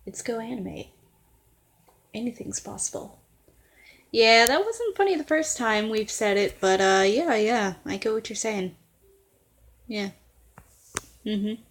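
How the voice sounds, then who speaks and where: Rambling, excitable woman reacting. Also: fairly high pitch, a little slow, pauses often. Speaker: reaction video host. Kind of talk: casual reaction commentary.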